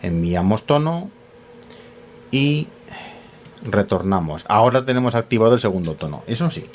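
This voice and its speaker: A man's voice: fairly low pitch, lively intonation, normal speed, slight background noise. A man demonstrating radio test equipment in a workshop, talking casually and thinking aloud, often correcting himself with fillers. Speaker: radio equipment tutorial host.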